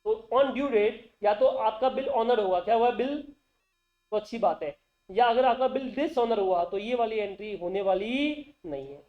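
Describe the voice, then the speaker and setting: Animated and high-voiced at normal speed, the male teacher gives an accountancy lecture full of call-and-response quizzing and repeated terms. Soft background music plays, and the classroom recording is dull and roomy.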